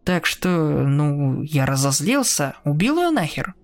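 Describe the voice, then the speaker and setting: A man's voice: a little high, very animated, takes it slowly, exaggerated voice. A man voicing a cold, taunting adult brother who mocks his sibling in a horror story reading. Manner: mocking and sneering.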